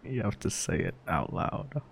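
A man playing a sheepish, embarrassed boyfriend in a conversational audio role-play, talking haltingly and casually. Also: deep voice, sing-song, creaky, a little hiss or hum, exaggerated voice. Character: sheepish, embarrassed boyfriend caught by his partner.

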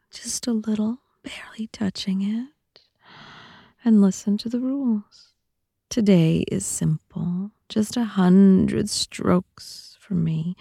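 A woman speaking slowly in a teasing, often whispered voice for an intimate audio roleplay. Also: on the low side, creaky, mellow, breathy edge, dry recording, studio quality. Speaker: audio content narrator.

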